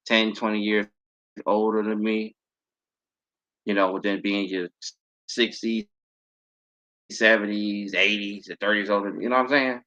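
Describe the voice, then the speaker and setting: A man's voice: lowish voice, fairly even intonation, measured pace, pauses often, sharp tone. A man in his thirties hosting an aviation channel livestream, talking casually and rambling with lots of fillers and restarts. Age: 30s. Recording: dull lo-fi stream audio.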